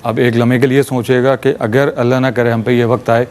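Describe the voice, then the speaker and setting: A man's voice: medium pitch, little pitch movement, a little fast, a little mellow. A man speaking for a charity, pleading earnestly with viewers to help. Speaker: charity representative.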